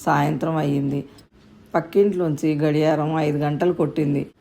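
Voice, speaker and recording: A woman reads a storybook aloud in a steady, calm manner. Her voice is low and dark, with a gravelly grain. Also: moderate pace. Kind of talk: scripted narration.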